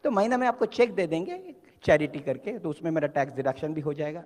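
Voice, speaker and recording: High voiced guy doing a motivational seminar talk, echo from a big hall. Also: animated, fast talker, darkish tone. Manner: mixes Hindi and English, acts out quotes; emphatic, preacher-like exhortation. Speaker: motivational speaker at a business seminar. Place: large hall. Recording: long hall reverb.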